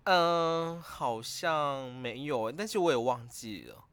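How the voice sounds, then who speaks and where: A woman's voice: a bass voice, animated, takes it slowly. A young woman co-hosting a podcast, giving short replies and dry teasing remarks. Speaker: podcast co-host. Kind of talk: casual chat.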